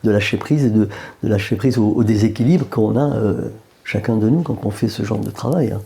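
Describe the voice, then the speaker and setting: This Algerian painter talks a little fast in a lowish, gravelly, dark voice. He's being casually interviewed in a gallery room, hesitating frequently and cracking jokes as he goes.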